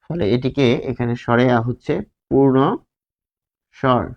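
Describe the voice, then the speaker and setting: Male teacher, grammar lesson, slow and repetitive, drawn-out sounds, slightly dull recording. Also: mid-range voice, flat delivery. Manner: explains slowly and repeats words, drawing out the sounds.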